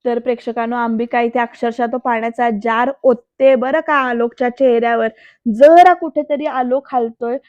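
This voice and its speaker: High-voiced woman retelling an episode. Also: steady tone, normal speed, darkish tone, no echo, muffled recording. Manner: chatty, addresses viewers directly. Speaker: serial episode reviewer.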